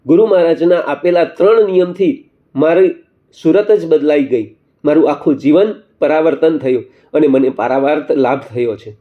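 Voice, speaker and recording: A man's voice: on the high side, normal speed, natural voice. A man voicing a wounded, reformed male bandit who speaks firmly in a storybook tale. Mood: resolute. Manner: firm, resolute. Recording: slightly muffled recording.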